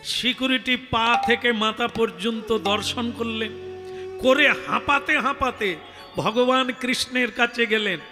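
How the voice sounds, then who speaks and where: A high, bright male voice tells a devotional story slowly, teasing and speaking straight to the devotees as a kirtan preacher. A long hall reverb surrounds him, and devotional music plays quietly underneath. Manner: folksy, teasing, addresses devotees directly.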